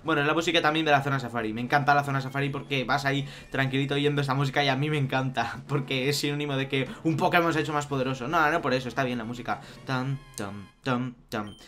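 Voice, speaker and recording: A young man with a Spain Spanish accent commenting on his own gameplay, excitable, swinging from mumbled asides to loud outbursts. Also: mid-range voice, racing, few pauses. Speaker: let's play youtuber. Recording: faint music behind.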